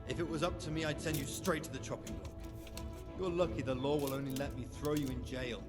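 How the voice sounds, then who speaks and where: A man's voice: mid-range voice, a little fast, music in the background, natural voice. A man playing an aggressive medieval guard in a video game, threatening and scornful as he makes an arrest.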